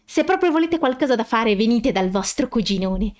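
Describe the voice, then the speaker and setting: A bold young woman with a taunting, mischievous edge, put on by a woman reading aloud. Her voice sits high and her teasing runs through every line of this audiobook scene. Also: expressive, moderate pace, darkish tone, close to an everyday voice.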